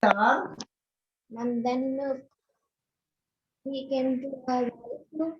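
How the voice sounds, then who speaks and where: A hesitant woman speaks slowly and breathily with a rather high, flat voice. Her volume keeps dropping in and out over a dull, lo-fi online call. She halts often with fillers and broken grammar. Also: husky. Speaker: student. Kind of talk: halting spoken retelling in an online class. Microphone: online call, computer mic.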